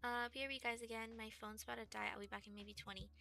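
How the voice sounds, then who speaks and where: A woman's voice: on the high side, level tone, fast talker, gravelly, sharp tone. A young woman from Texas in her twenties, chatting casually on a livestream and rambling with lots of "like" and "um". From Texas, USA. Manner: rambling, chatty, many fillers like "like" and "um". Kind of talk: casual stream chat.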